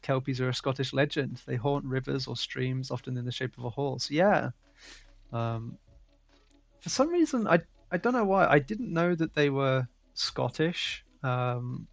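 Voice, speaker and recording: A young man chats casually as host, relaxed and rambling. His voice has a gravelly, fried texture. The sound is dry and close on a call mic. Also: mid-range voice, no room sound. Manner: relaxed, rambling with frequent fillers and laughs. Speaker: stream host. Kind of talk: casual chat.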